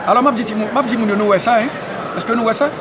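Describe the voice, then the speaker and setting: A man who interviews at an event, excitable and tagging nearly every phrase with "hein?". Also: very high voice, a little fast. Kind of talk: casual community media interview. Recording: noisy crowded public event. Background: crowd chatter.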